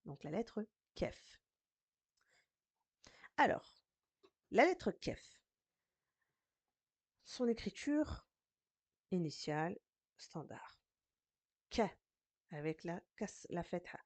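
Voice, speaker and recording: A woman teaching a recorded Arabic reading lesson in French, patient and slow, sounding out each syllable. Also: fairly low pitch, very animated, no echo. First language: French speaker teaching Arabic.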